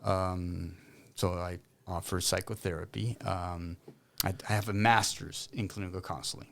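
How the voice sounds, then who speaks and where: A man from Argentina, a clinical counsellor, explaining his work in an interview with many pauses and restarts. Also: sits low, fairly even intonation, gravelly, fairly bright tone. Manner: thoughtful, many fillers and restarts. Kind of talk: interview conversation.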